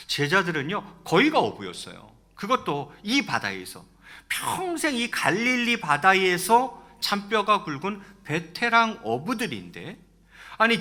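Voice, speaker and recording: Reading passages of scripture and questioning his congregation, this high-voiced pastor shifts back and forth between booming peaks and quiet, hushed moments.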